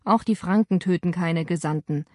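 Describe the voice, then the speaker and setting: A woman's voice: on the low side, moderate pace, darkish tone, dry recording, clean studio sound, natural voice. A woman voicing an elderly male Roman prefect who sternly reproaches a younger man, in an audiobook. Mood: reproachful. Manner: stern, accusing.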